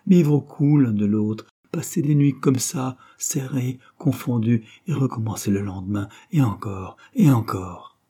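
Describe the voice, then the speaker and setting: A man's voice: mid-range voice, moderate pace, warm tone, slightly rough, voice pushed up, natural voice. A man reading a novel aloud, voicing a passionate young woman who pleads urgently with her lover. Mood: pleading passionately. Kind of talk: audiobook character reading.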